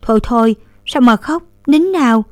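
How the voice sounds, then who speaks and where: A woman voicing a caring eldest sister in a story who soothes and gives brisk orders. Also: on the high side, lively intonation, a little mellow, no room sound, voice pushed up, close to an everyday voice. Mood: soothing. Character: caring eldest sister, gentle but firm.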